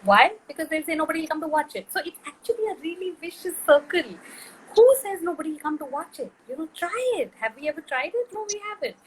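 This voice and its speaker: A woman's voice: very high-pitched, sing-song, quick pace, a little hiss or hum, rough recording. Woman musing with many fillers. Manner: thoughtful, many fillers and restarts. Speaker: film director, guest. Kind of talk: interview conversation.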